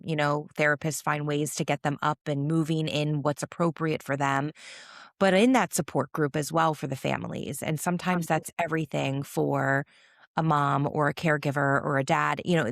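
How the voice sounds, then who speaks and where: Low, gravelly-voiced woman hosting an interview. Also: no echo, studio quality. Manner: affirming, enthusiastic interviewer. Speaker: podcast host, interviewer. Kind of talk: interview conversation.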